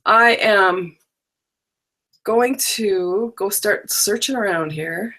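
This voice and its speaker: Her pace is very slow and her medium-pitched voice bright and forceful, though also scratchy and drowsy. She's a middle-aged woman hosting a live online crafting workshop from her home stamp room, chatting and rambling to unseen viewers in casual live-stream fashion.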